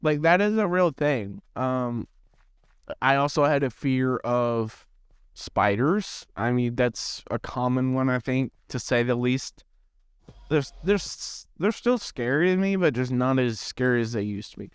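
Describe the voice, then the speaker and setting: A man's voice: mid-range voice, a little slow, clean tone, no echo. A teenage boy hosting a gaming channel, telling a rambling, self-deprecating story in casual chat with lots of restarts. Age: teens.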